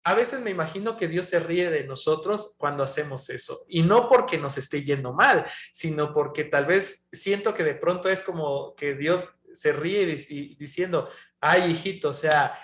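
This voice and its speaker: A man's voice: fairly high pitch, animated, normal speed, few pauses, fairly bright tone, reverberant. A man preaching a sermon in an earnest, conversational way, with frequent fillers and repeated words.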